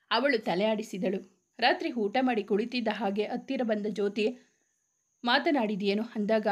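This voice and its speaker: A woman reads a serialized romance story aloud, voicing each character's dialogue herself with small shifts of tone. Her voice sits a little high.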